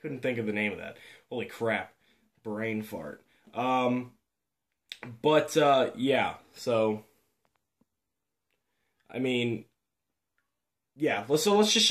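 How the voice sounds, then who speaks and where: Rambling, halting man showing off his gear. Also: mid-range voice, a bit bright, a little hiss or hum. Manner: rambling, halting, full of fillers and restarts; easygoing and self-deprecating. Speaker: airsoft gun reviewer. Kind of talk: casual show-and-tell vlog.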